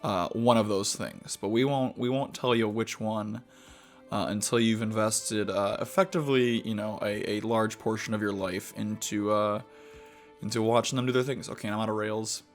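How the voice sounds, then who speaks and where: A young man giving casual gameplay commentary, rambling and halting with many fillers and restarts. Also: lowish voice, fairly even intonation, faint music behind. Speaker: gaming video host.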